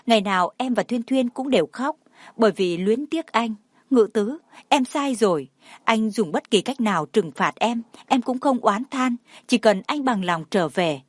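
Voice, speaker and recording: A woman's voice: on the high side, lively intonation, normal speed, dry recording. A woman voicing an emotional young wife who speaks in an urgent, imploring way. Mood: pleading.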